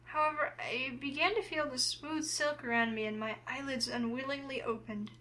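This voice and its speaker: A woman with a high voice, speaking at a moderate pace, plays a flustered, wary young heroine narrating a visual novel in first person. The mood is uneasy and reflective, and her delivery is expressive and flustered.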